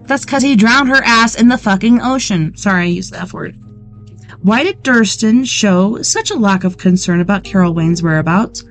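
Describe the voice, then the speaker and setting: A woman's voice: mid-range voice, expressive, moderate pace, soft background music. Blunt, sarcastic woman reading true crime. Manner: blunt, sarcastic asides with swearing. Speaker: weekend show host. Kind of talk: reading a true-crime book aloud with commentary.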